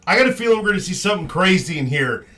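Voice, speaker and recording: A man's voice: sits high, big pitch swings, rapid-fire, bright, forceful tone. A man hosting a live card break in casual, upbeat, informal chat. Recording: clearly noisy, packs crinkling. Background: crinkling and clicking of card packs.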